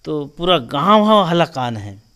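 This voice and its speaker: A man with a Chhattisgarhi accent telling a local folk legend in a casual, animated way, often filling with "jo hai na". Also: fairly high pitch, a little slow. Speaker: storyteller guest.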